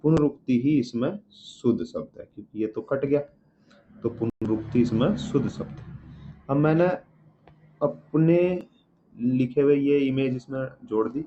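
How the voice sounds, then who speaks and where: Slow-talking man teaching spelling. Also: mid-range voice, mellow. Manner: explains step by step, asks and answers his own questions; repeats each word and checks with "ठीक है". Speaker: Hindi exam teacher. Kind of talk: spelling lesson walking through words. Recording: dull lo-fi audio with faint room noise.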